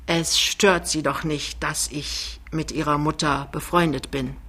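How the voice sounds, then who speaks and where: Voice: mid-range voice, steady tone, unhurried, bright, forceful tone, breathy edge. A reader doing a big, blustering chatterbox of a man. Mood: confiding. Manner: chatty, overbearing, confiding.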